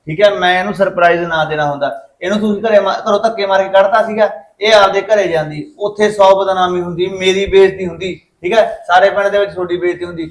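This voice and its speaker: An actor playing a quick-tempered soldier son, scolding his family, with a Punjabi accent. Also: high voice, steady tone, roomy sound. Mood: angry. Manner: scolding, lecturing. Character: stern soldier son, young adult man, quick-tempered. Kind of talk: Punjabi short film acting.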